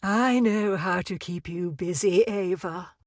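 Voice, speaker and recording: A woman playing a genteel, sentimental older book lover in a game story, gentle and polite in manner. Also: fairly low pitch, slow, dry recording. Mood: warm, polite. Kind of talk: scripted game story dialogue.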